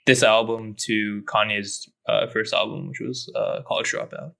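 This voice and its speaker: A young man co-hosting a casual podcast chat, relaxed and laughing often between words. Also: fairly low pitch, moderate pace, vocal fry. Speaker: podcast co-host running a lyric game.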